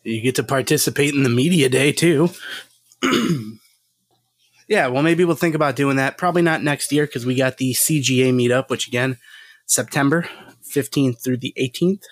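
A man's voice: medium pitch, normal speed, no room sound. A man co-hosting a podcast in a casual, rambling chat, laughing often and swearing lightly. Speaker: podcast co-host.

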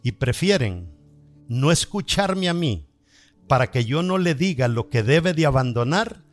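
A man's voice: mid-range voice, very animated, a little slow, faint music behind. A male preacher giving a sermon in an emphatic, storytelling manner, repeating key phrases.

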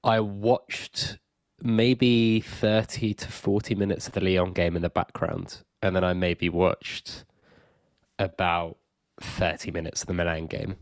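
A man with a deep voice chats casually as a podcast co-host. The talk is informal football discussion. The sound is dry, with very little room to it. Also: flat delivery, unhurried, dry recording.

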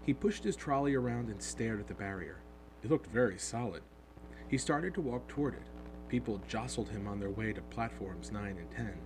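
A man narrating a storybook in an expressive, animated reading, heard over a steady hum. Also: lowish voice, moderate pace. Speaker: audiobook narrator.

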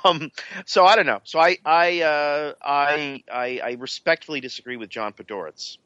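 Joking podcast guy, bright voice, kinda high, lively, dry dull recording. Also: moderate pace, clean tone, dry recording. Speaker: podcast co-host. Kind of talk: casual political chat.

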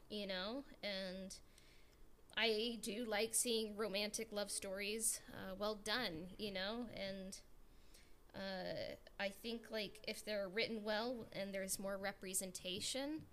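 A casual fan podcast captures a panelist whose mid-range voice has a slight brightness. She works through her opinions haltingly, piece by piece, leaning on "like," and noise can be clearly heard behind her.

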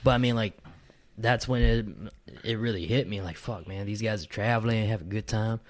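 Dude late 20s, lowish voice, casual rambling chat, lots of like and you know. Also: male voice, moderate pace. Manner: rambling, many fillers and restarts.

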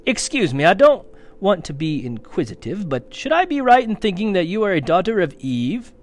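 A man voicing a polite, fussy male faun who is shy and excitable, formal and flustered, repeating himself. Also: high voice, moderate pace, pitched above the performer's own voice. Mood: curious, polite.

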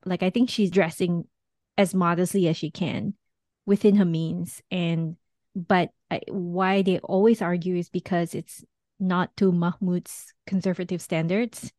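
A woman co-hosting a podcast in casual chat, thinking out loud in loose, rambling sentences full of "like". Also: on the low side, fairly even intonation, moderate pace, no room sound, studio quality. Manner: thoughtful, talks in loose chains with many "like"s. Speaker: podcast co-host.

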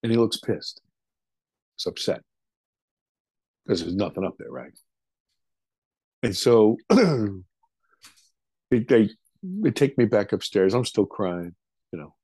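A man's voice: fairly low pitch, sing-song, slow pace, long pauses, dark tone, slightly rough, no room sound. A middle-aged man, a podcast interview guest, vividly retelling a frightening childhood memory in a loose, casual way, swearing freely.

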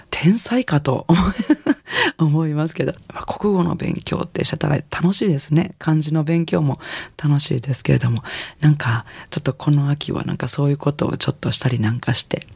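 A middle-aged woman with a Kansai accent, a singer hosting a radio music show in a relaxed, chatty, rambling way. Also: low voice, creaky, slightly rough, no echo. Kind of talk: casual radio DJ talk.

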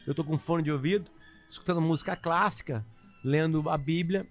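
A man with a fairly high voice tells stories on a comedy podcast. He talks in an animated, pushy way, hurrying the others along. Faint music plays under him. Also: fairly quick. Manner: animated storyteller, urges others on. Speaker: podcast co-host. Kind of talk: casual comedic chat.

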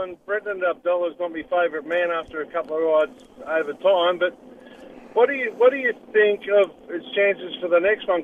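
A man calling a radio show, friendly and rambling, on a tinny phone line with faint noise. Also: sits high. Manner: friendly, rambling, says mate. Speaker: caller. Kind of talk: talkback call.

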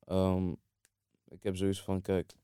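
Low, mellow man talking Moroccan-Dutch street slang. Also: completely flat delivery, slow pace, clear, resonant tone. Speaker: interviewed music artist. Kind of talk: casual chat.

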